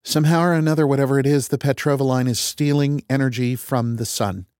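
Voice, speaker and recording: A man voicing a glum, weary woman government scientist in her forties, in a flat, reluctant delivery. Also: mid-range voice, fast, no room sound, clean studio sound, pitched above the performer's own voice, lightly acted. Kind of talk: audiobook character voice.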